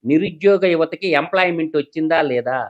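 A man, a political analyst who delivers heated commentary through rapid, combative rhetorical questions. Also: on the high side, lo-fi sound.

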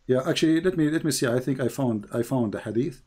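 A host whose first language is Arabic debates a caller emphatically, repeating phrases for stress, his voice rising high when he presses questions. He speaks at a quick pace with a warm, husky tone.

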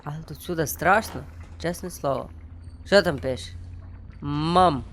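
A young male let's play streamer offers playful commentary, joking and speaking to the game and his viewers. He sounds fairly high and fairly bright, taking his time, with slight background noise.

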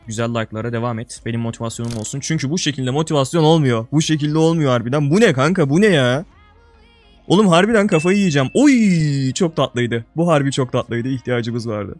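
Excitable young man narrating gameplay. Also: dry recording. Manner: excitable, swinging between loud outbursts and low mutters; slangy, buddy-style address to viewers. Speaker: gaming video creator. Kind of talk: casual gameplay commentary.

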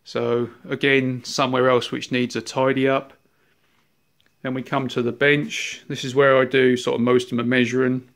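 Flat-voiced New Zealand man touring workshop. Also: medium pitch, normal speed. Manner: relaxed, rambling with many fillers. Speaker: workshop owner. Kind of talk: casual workshop tour. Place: large cluttered workshop. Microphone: handheld phone camera.

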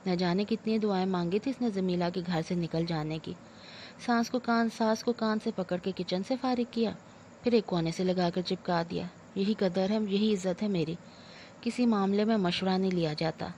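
A woman's voice: medium pitch, moderate pace, darkish tone, slight background noise, close to an everyday voice. A woman voicing an aging, self-pitying mother-in-law who scolds and laments theatrically. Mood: aggrieved. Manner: wailing complaints, theatrical laments.

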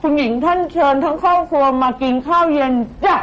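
An actress playing a chatty, gossipy young housemaid in a TV drama. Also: female voice, sits high, fast talker, background noise, natural voice. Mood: gossiping. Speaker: maid. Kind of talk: TV drama acting. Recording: dull TV soundtrack with music.

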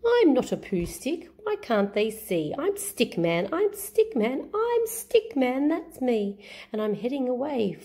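A woman's voice: high voice, very animated, unhurried, dark tone, pitched above the performer's own voice, full character voice. A woman voicing a cheerful little male stick figure in a storybook, chanting his refrain in a sing-song way. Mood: insistent.

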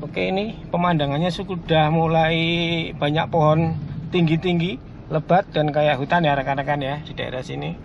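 A fairly high-voiced man talks through a road trip from behind the wheel, chatty and easygoing with his viewers. The sound is a little muffled, with a faint hum of the car underneath. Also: steady tone, normal speed, gravelly. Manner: chatty, keeps addressing viewers as colleagues. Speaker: car vlogger driving. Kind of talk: casual driving commentary. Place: inside a moving car.

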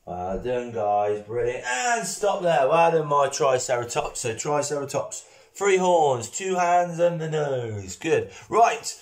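Slow-talking man teaching toddlers. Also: on the high side, sing-song. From United Kingdom. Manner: slow, patient, checks in with "okay? all right?" constantly. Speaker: kids' PE instructor. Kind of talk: children's exercise class. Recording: echoey room.

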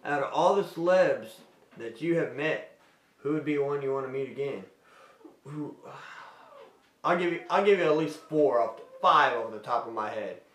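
A man with an expressive, medium-pitched and fairly bright voice talks at a normal speed, recorded from a distance in a roomy, off-mic setting. For his casual Q&A vlog he fields fan questions in a rambling, friendly manner, often interrupting himself.

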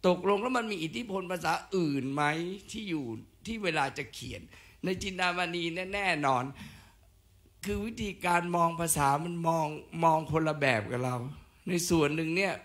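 A man's voice: on the high side, expressive, normal speed, a bit bright. An older man giving a special lecture in a casual, digressive way with joking asides.

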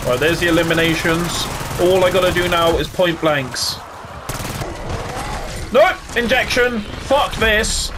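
A young man commentating his own video game play, often frustrated and swearing in loud outbursts. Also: high-pitched, unhurried, long pauses. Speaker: gaming YouTuber. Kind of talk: gameplay commentary. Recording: game noise behind voice.

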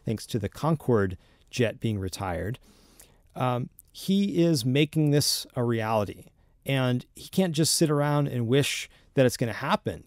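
A young man speaking as a podcast guest, explaining his ideas earnestly and taking his time. He often restarts a phrase as he thinks. His voice sits at a middle pitch and is recorded close and dry. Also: darkish tone, no room sound. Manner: earnest, measured, with frequent restarts. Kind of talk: thoughtful conversational explanation.

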